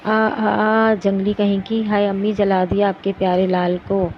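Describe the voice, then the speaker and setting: A woman's voice: mid-range voice, completely flat delivery, measured pace, lightly acted. A mischievous teenage boy who teases and hams it up, played by a woman reading a novel. The recording is dull and lo-fi, with background noise throughout. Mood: melodramatic. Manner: mocking, melodramatic.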